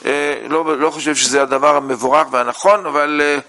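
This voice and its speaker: A man teaching a lesson on religious law, reading sources aloud and explaining them with many pauses and fillers. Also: fairly high pitch, fairly even intonation, bright, forceful tone. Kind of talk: halakha lesson.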